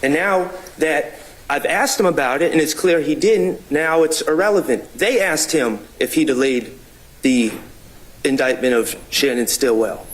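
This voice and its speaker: A man working as a defense attorney, questioning and arguing in a courtroom with halting, deliberate phrasing. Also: on the high side, lively intonation. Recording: noisy courtroom audio.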